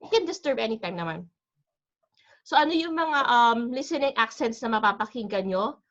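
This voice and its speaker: A woman's voice: a little high, animated, normal speed, fairly bright tone. Filipino woman teaching an online class. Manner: chatty, mixes Tagalog and English, asks "di ba?". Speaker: IELTS teacher. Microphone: video call. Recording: lo-fi video call audio.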